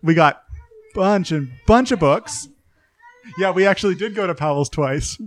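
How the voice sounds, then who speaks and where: Male co-host, easygoing storyteller, voice sits a bit high. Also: a little slow, no room sound. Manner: relaxed storyteller. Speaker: podcast co-host. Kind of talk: casual chat.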